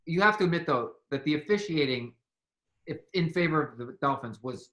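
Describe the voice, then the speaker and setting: A man's voice: on the high side, lively intonation, fairly quick, a bit bright. A man hosting a casual sports debate, chatty and often laughing at his own points. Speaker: host.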